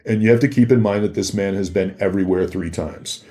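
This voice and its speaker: Here the ex-celebrity security guard talks quickly, his voice low and warm, while he relaxes into anecdotes on a podcast. Along the way he plays out old exchanges.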